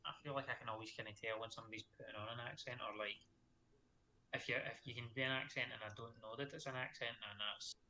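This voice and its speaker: A man's voice: medium pitch, fairly even intonation, quick pace, bright, forceful tone, slight background noise, low-quality recording. A Scottish man, a podcast guest, chatting in an easygoing, rambling way over a video call. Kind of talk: casual chat. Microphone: webcam video call.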